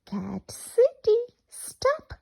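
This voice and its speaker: A children's storyteller with a very high, creaky voice reads a picture book aloud in an animated singsong. She keeps it interactive, asking questions and pausing for the children to respond.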